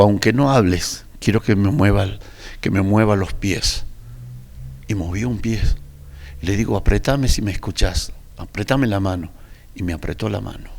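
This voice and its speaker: A man's voice: fairly low pitch, creaky. A man with an Argentine accent, a pastor, telling personal stories in an interview and acting out the dialogue. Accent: Argentine Spanish. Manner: animated storyteller, acts out dialogue. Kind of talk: interview storytelling.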